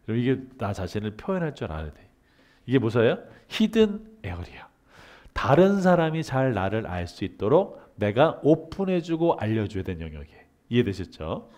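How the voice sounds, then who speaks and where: A little fast and mid-range in pitch, the man lectures on the humanities, questioning and then answering himself. He acts out everyday exchanges using lively voices.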